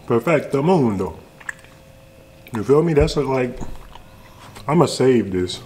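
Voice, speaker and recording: A man's voice: medium pitch, lively intonation, takes it slowly, warm tone, slight background noise. A young adult American man giving a laid-back, slangy food review, talking casually to the camera as he eats. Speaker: food reviewer, video host. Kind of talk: casual chat to camera while eating. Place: indoors, home kitchen.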